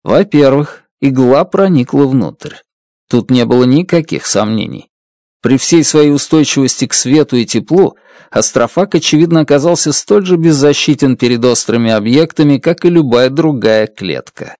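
Lively male audiobook narrator. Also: medium pitch, moderate pace, dry recording, studio quality. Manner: lively, expressive storytelling. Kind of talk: scripted first-person narration.

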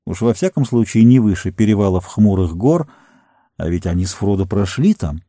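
A man reading a fantasy novel aloud as an audiobook narrator, measured and slowing on grim passages. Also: on the low side, expressive, mellow, no room sound, clean studio sound.

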